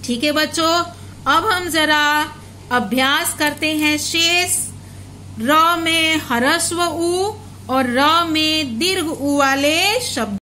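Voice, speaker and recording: A woman's voice: sits high, takes it slowly, sharp tone, slight background noise. A woman teacher giving a recorded lesson to young schoolchildren. She drills word lists patiently and asks questions that she then answers herself. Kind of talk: recorded online Hindi class for first-graders.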